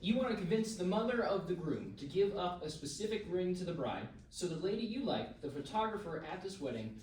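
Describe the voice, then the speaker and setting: A man's voice: high-pitched, expressive, a little fast, darkish tone. A man reading the part of a persuasive, scheming adviser at a table read. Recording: roomy distant live room recording, faint noise.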